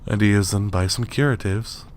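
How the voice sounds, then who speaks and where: A man's voice: fairly low pitch, normal speed. A man hosting a let's play, giving casual, rambling commentary over the game with chuckling asides and frequent restarts. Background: faint game music and sounds.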